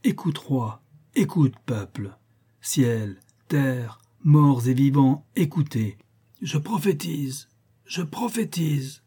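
Guy putting on an ancient shrivelled witch, thin shrill voice, slow chanty prophecy, husky underneath. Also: dark tone. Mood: chanting.

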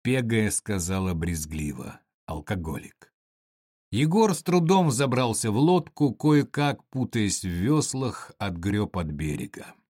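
Guy reading an audiobook, slow and dry, lively voice that rises and falls a lot. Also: medium pitch, no echo. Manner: expressive, measured storytelling. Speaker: narrator. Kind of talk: audiobook narration.

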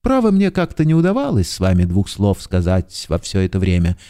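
A man's voice: low voice, huge pitch swings, a little fast, dark tone, pitched below the performer's own voice, heavily acted. A man voicing a smug, coolly dismissive male clerk who answers in a curt, condescending way in an audiobook. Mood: smooth. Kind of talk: audiobook character voice.

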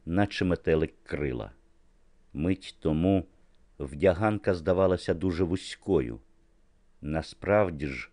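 A man reading an audiobook novel as narrator, in a measured literary manner. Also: sits low, dark tone, no echo, clean studio sound. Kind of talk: scripted narration.

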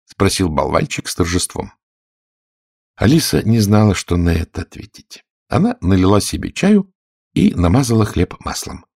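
A man narrates a storybook with a husky, gravelly voice. His pitch swings widely for expression. The sound is dry and close. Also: normal speed, no room sound. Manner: expressive, varied intonation. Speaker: audiobook narrator.

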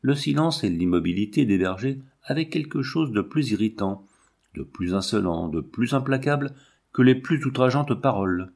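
A man narrating a classic novel as an audiobook in a measured, dramatic reading. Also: mid-range voice, animated, a little mellow.

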